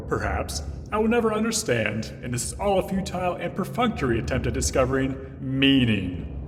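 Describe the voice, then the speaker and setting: A man's voice: mid-range voice, noisy background, natural voice. A man playing an unearthly, disembodied, brooding creator entity in a comedy sketch, musing philosophically. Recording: long hall reverb, music behind.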